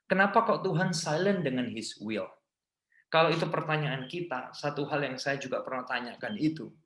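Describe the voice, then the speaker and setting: Bright Indonesian pastor in an echoey hall. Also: male voice, medium pitch. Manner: switches often between Indonesian and English phrases; dynamic, swings from loud emphatic lines to hushed quiet ones. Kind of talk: sermon. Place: large church hall.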